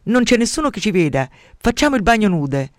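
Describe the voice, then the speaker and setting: A man's voice: high-pitched, very animated, brisk, no room sound, pitched above the performer's own voice. A man reading the lines of a proud huntress goddess, giving commands in a dry studio. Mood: inviting. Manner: commanding, indignant.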